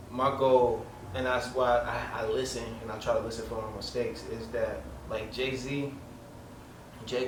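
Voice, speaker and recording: A podcast host, a man with a light, mid-range voice and a fairly bright tone, chats through a casual interview in a loose, rambling way, leaning heavily on "like" and street slang. He's recorded from a distance in an echoey, noisy room.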